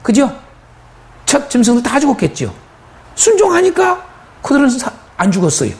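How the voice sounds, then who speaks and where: Male pastor, lively high-pitched sermon delivery, repetitive and emphatic. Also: moderate pace, vocal fry. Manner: emphatic, repetitive preaching with rhetorical questions.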